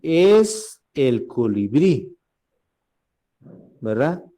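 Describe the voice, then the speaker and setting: A man teaching a recorded language class, speaking slowly, repeating each word and often asking "¿verdad?", with frequent throat clearing. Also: medium pitch, big pitch swings, warm tone. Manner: slow, repeats words and asks "¿verdad?" often.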